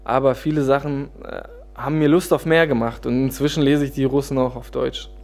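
A man from Germany, a guest author in a relaxed interview, speaking hesitantly with many pauses and restarts. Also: medium pitch, creaky. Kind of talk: casual interview talk.

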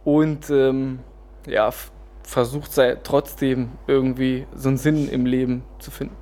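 Man, from Germany, guest author, hesitant, mid-pitched voice, casual interview. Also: level tone, measured pace, dark tone. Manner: hesitant, many fillers and restarts.

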